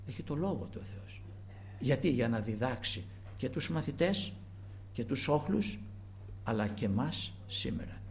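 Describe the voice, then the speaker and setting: Impassioned Greek-speaking preacher, lively pitch. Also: male voice, a little hiss or hum. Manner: impassioned, swings from loud emphasis to near whispers; addresses listeners as brothers. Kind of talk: sermon.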